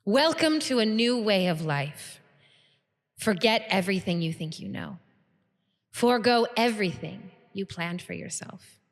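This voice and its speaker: In a tabletop role-play, a woman voices a grand female guild leader delivering a ceremonious, commanding speech, pitching her medium voice above her natural one. The delivery is expressive, measured, and stately, with long reverb and faint music in the background.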